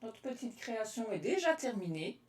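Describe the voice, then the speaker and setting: A woman from France demonstrating card-making on a live stream, chatting with viewers by name between steps in a relaxed way. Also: on the high side, moderate pace. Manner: chatty and relaxed, answers live comments by name, laughs often. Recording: roomy echo, voice from a distance.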